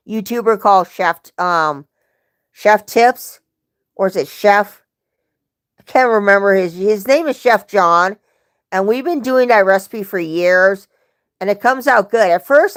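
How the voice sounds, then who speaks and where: Slow-talking woman chatting casually on a livestream. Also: mid-range voice, clean tone. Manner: rambling, self-correcting storyteller. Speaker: livestream host.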